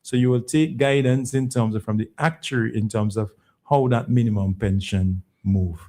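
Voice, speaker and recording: Speaking at normal speed in a dark-toned, mid-range voice, a man appears as a programme guest on a phone-in as chief executive of a pension fund. He lays out policy with emphasis, repeats his words, and frequently adds questioning tags to check understanding.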